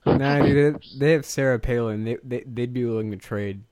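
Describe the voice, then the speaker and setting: A man's voice: mid-range voice, normal speed, darkish tone, no room sound. A young American man in casual chat, joking and laughing often. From eastern United States.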